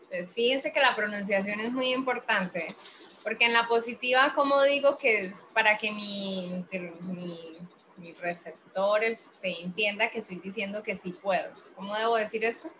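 A Colombian woman teaching an English grammar class, explaining slowly and patiently while questioning her students. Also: medium pitch, bright, forceful tone, a little hiss or hum, low-quality recording. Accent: Colombian Spanish.

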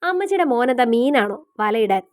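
A woman's voice: a little high, sing-song, brisk, clean tone, dry recording, clean studio sound. A woman voicing a chatty, curious young woman who teases her mother. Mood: teasing. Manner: curious, teasing.

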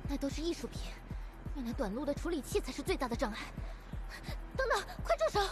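A woman playing an excitable, complaining youngster in a game, exclamatory in manner. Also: high voice, fast. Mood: exasperated. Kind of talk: game voice acting. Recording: loud game music behind.

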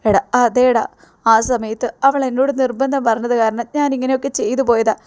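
A woman's voice: on the high side, steady tone, brisk, darkish tone, lightly acted. A woman voicing a remorseful young man who ran away from his family, speaking in a pleading tone.

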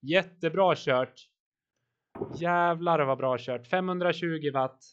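A man with a fairly high voice coaches his riders live, cheering them on and calling out power numbers. The audio is dull and lo-fi, like a voice-chat stream. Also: smooth. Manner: encouraging, calls out watts and turns. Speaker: team coach.

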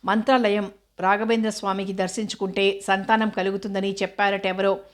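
Woman narrator for a short story, calm and flat in tone, even pitch. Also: a little fast.

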